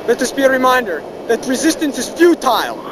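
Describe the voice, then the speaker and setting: A man acts a harsh camp commander in a drama, very high in pitch for a man. He declaims his threats with wide swings of pitch, over clearly noisy sound. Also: big pitch swings, fairly quick. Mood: menacing, commanding. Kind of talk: dramatic acting. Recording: noisy recording with background rumble.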